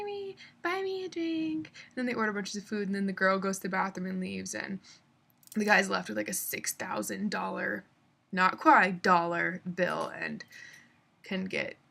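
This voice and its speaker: A woman's voice: medium pitch, vocal fry, a bit bright. A young adult woman chatting through a casual travel story, full of fillers. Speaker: vlogger.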